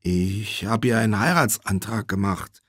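A man voicing a sedated sick man in a hospital bed who mumbles slowly and drifts off. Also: on the low side, fairly bright tone, husky, dry recording, clean studio sound. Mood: drowsy.

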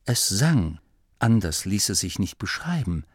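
A man narrating an audiobook in a measured, expressive way. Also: lowish voice, no room sound, clean studio sound. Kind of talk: scripted narration.

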